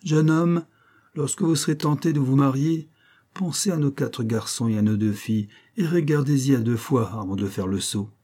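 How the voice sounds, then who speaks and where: A stern middle-aged mother who lectures in a dry, scolding tone, as a male reader puts her on. The voice sits on a mellow, warm base, with sharp rises on her commands. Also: medium pitch, moderate pace, pitched above the performer's own voice, lightly acted. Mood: wry.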